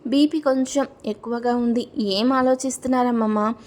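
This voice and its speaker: A woman's voice: on the high side, fairly even intonation, moderate pace, close to an everyday voice. A woman reading a caring young grandson. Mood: concerned. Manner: gentle, coaxing. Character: caring young man, grandson, gentle and concerned.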